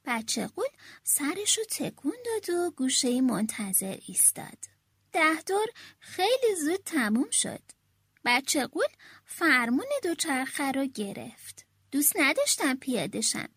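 A woman reading a children's storybook aloud, with a very high, bright voice. She tells it in an animated, lively first-person way. The sound is close and dry. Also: dry recording.

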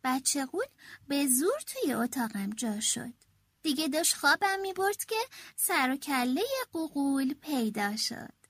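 A woman reading a children's storybook aloud, with a very high, bright voice. She tells it in an animated, lively first-person way. The sound is close and dry. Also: no room sound.

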